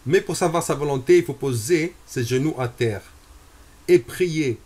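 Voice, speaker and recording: Pitched on the high side with a slightly mellow tone, a young Algerian man in his twenties gives a personal account of his faith. His delivery is slow and careful, broken by frequent hesitations.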